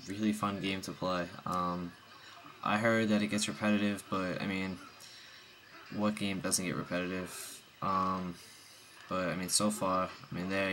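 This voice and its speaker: A man's voice: low voice, pushed and bright, slight background noise. A young man with the hiccups giving a rambling, casual game review voice-over, full of ums and restarts.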